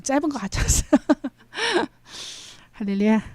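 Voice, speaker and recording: A woman delivers a church sermon in a fairly high voice, reading scripture and questioning the congregation with frequent hallelujahs. Her delivery swings from loud calls down to near-whispers. The sound is dry and close, with little room. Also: slightly rough, no echo. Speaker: preacher.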